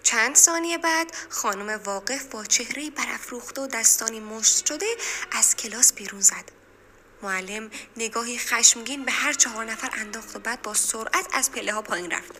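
A woman's voice: fairly high pitch, sharp tone, slight background noise. A woman narrating a story expressively. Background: music.

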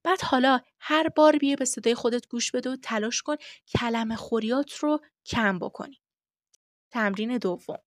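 A woman hosting a podcast lesson on voice work, explaining things clearly and step by step. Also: a little high, no echo, clean studio sound. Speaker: voice-acting teacher.

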